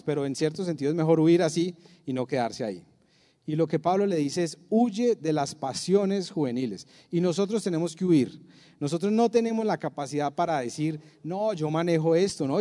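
A man's voice: fairly high pitch, mellow, long reverb tail. A man preaching a conversational sermon to young people, full of rhetorical questions and retold dialogue. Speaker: youth pastor.

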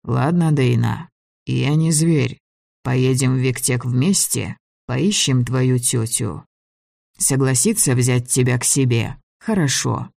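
A reader doing a calm, kindly stranger. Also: medium pitch, vocal fry, no room sound, clean studio sound. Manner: slow, calm and gentle.

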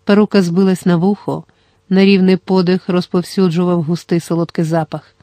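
Dark-toned audiobook narrator. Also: mid-range voice, level tone, normal speed, dry recording. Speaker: audiobook reader.

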